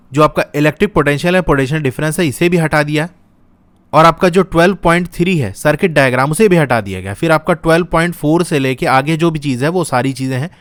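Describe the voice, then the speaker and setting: A man's voice: on the high side, no room sound. A young man teaching, walking students step by step through a syllabus and checking in with them often. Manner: explains step by step, checks in with "ठीक है". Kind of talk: syllabus walkthrough lesson.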